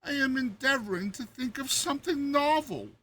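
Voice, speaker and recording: A man's voice: very high voice, expressive, moderate pace, bright, forceful tone, voice pushed up, heavily acted. Man playing meek, hesitant little jester, Hopfrog. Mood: dazed, meek. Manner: hesitant, abstracted, subdued. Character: meek, dazed dwarf court jester, timid and sad.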